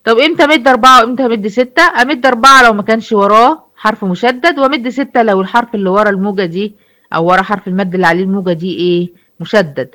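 A woman with an Egyptian accent gives a brisk online lesson, moving quickly through her points. Her voice sits in a middle range. She keeps asking the class questions and answering them herself. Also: medium pitch, fairly bright tone. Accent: Egyptian Arabic. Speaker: Quran recitation teacher. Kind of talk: online lecture.

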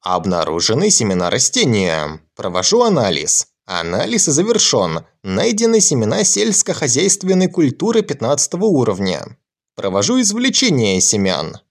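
A man voicing the flat, mechanical system voice of a magic farm, reporting its computer processing step by step in an audiobook reading. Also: medium pitch, moderate pace.

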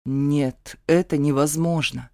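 A woman reading an audiobook, voicing a stern, protective young male warrior with a low, gruff growl and curt, firm refusals. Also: animated, unhurried, a little mellow, dry recording, clean studio sound. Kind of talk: audiobook character voice.

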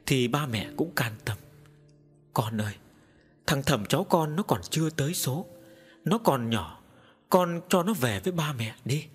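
A man's voice: mid-range voice, natural voice. A man voicing an older village mother who pleads in a tearful, earnest way.

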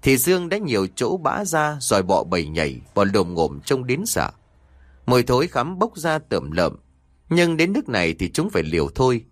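Male storyteller for horror audio; expressive, animated pitch, dry booth. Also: moderate pace, no echo. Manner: expressive, dramatic reading. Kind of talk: scripted horror story narration.

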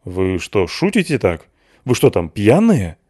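Baffled one-eyed director, incredulous, read by a man, low voice. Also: huge pitch swings, measured pace, dark tone, breathy edge, dry recording, clean studio sound, exaggerated voice. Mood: astonished. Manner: astonished, incredulous. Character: one-eyed male institute director, bewildered.

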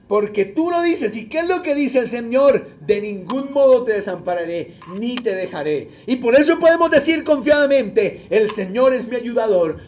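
A man's voice: extremely high pitch, a little mellow, muffled recording, slight background noise. A man preaching a sermon as pastor, calling questions out to the congregation and repeating scripture lines over and over. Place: church service.

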